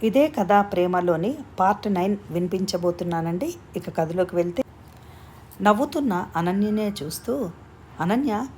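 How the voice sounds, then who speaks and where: A woman narrating a story in a calm, even reading manner. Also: lowish voice, moderate pace, slight background noise.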